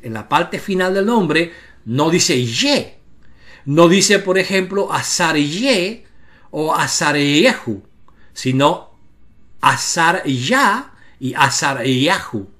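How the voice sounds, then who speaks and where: In a high, slightly bright voice, a man gives a Bible lesson lecturing on Hebrew grammar. He works through Hebrew letters and names one by one, explaining step by step and pointing viewers to each letter on screen.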